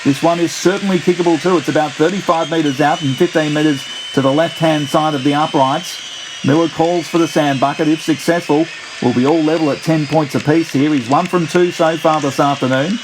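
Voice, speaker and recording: High-voiced man calling sport, old-time radio announcer style. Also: normal speed, noisy background. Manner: formal, descriptive play-by-play that builds to excited calls. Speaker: rugby league radio commentator.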